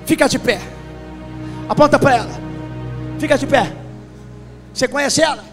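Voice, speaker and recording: A Brazilian pastor, preaching prophetically, shouting and repeating phrases for others to echo. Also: male voice, very high voice, moderate pace, music in the background.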